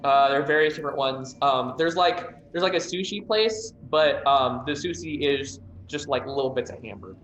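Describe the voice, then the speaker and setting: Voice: mid-range voice, normal speed, hardly any pauses, fairly bright tone. Rambling game master in an echoey room. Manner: rambling with many fillers and "like". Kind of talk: narrating a tabletop game.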